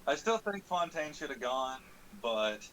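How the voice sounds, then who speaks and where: In a low-quality recording with constant background noise, a man with a mid-range voice talks a little slowly, informally going over a tabletop game he took part in as a player and swearing mildly.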